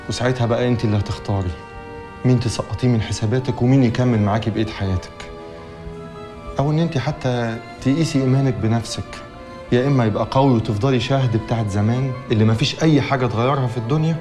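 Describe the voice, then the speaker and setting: An actor plays a calm man offering reflective life advice in a TV drama, mid-pitched and rapid. A clear drama score runs underneath. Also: natural voice. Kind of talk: TV drama acting.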